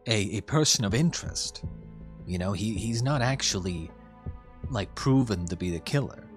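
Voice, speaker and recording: A man with a lowish voice streams his casual reaction to an anime. He works through his thoughts out loud, halting and circling back over phrases, with some offhand swearing. Soft music plays behind him. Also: animated. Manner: hesitant, thinks aloud, repeats phrases.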